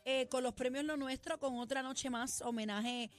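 A Puerto Rican woman co-hosting a radio show, giving expressive, opinionated commentary on celebrity news. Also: sits high, normal speed, soft background music. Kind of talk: casual gossip chat. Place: radio studio.

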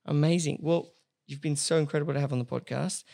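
Fast-talking gravelly podcast host. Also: medium pitch, fairly even intonation, mellow. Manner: quick, eager questioning. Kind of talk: casual interview chat.

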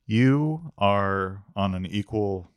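A man co-hosting a podcast, chatting casually with deadpan jokey asides. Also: fairly low pitch, very slow, clean tone. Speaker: podcast co-host. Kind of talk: casual comedic chat.

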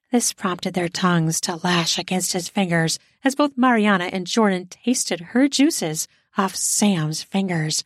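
A woman narrating an erotic audio story in a smooth, steady storytelling manner. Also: on the low side, no echo, clean studio sound.

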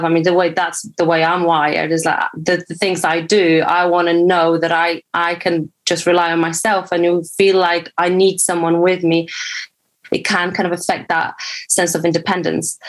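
A woman from Poland, a brand founder appearing as a podcast guest, talks casually in a lowish, fairly flat voice at normal speed. She sounds hesitant and reflective, often restarting her sentences.

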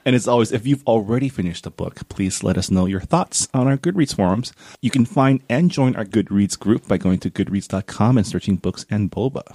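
Easygoing man podcast co-host, low voice. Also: animated, fairly quick, few pauses, dark tone, breathy edge, no echo. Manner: easygoing, laughs a lot, joking asides. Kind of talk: casual chat.

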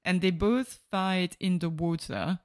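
A woman's voice: on the low side, steady tone, measured pace, a little mellow. A woman co-hosting a casual movie-review podcast, retelling scenes with blunt sarcasm. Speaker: podcast co-host.

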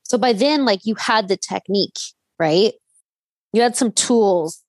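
A woman's voice: mid-range voice, unhurried, no room sound. A woman from the LA area with a Southern California accent, chatting informally and slangily as an interviewer, often saying "like". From Los Angeles Valley, California. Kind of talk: casual chat.

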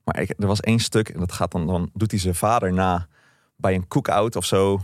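A man co-hosting a podcast, telling stories in a relaxed, chatty way with the odd swear word. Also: low voice, brisk, no room sound, clean studio sound. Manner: relaxed storytelling, mild swearing. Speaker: podcast co-host. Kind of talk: casual chat.

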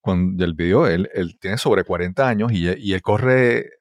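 A man's voice: sits low, moderate pace, no room sound. Hesitant male host, dry close sound. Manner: hesitant, asks for confirmation with frequent tag questions. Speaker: podcast host. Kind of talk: casual interview talk.

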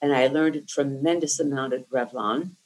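Through poor audio comes a very deep female voice at normal speed. The speaker, a New Jersey woman in her sixties whose native language was Lithuanian, gives an articulate, reflective account of her life in an oral history interview.

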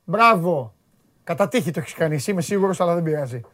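A man's voice: fairly high pitch, a little mellow. A man hosting a sports talk show, teasing his co-host and bossing the studio crew in playful banter. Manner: teasing, bossy, directs the crew.

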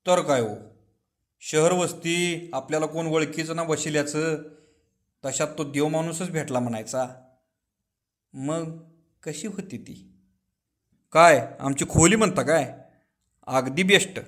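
A man's voice: a little high, slow, pauses often, fairly bright tone. A man voicing a boastful elderly village notable who is smitten with his nurse, telling his tale with relish and drawing out his words.

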